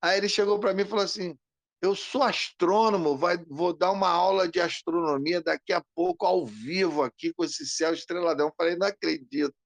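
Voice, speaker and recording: A man co-hosting a podcast, telling an animated story in casual chat and acting out the lines of the people in it. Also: high-pitched, brisk, gravelly, dry recording. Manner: animated, acts out quoted lines. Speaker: podcast co-host.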